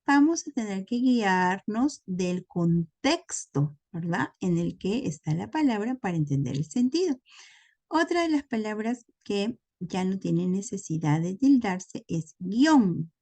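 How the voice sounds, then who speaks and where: A woman's voice: medium pitch, warm tone. A woman teaching a recorded lesson, explaining patiently and often checking in with her listeners. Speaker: language teacher.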